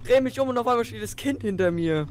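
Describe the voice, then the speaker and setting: A man's voice: very high voice, animated, quick pace. A young man joining a co-op horror game as co-player, teasing and joking through it. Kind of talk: casual let's play banter.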